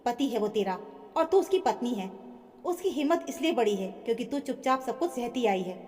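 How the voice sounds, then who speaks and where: A woman voicing a stern, protective older mother-in-law who scolds forcefully. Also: on the high side, animated, a little fast, big-room sound, lightly acted.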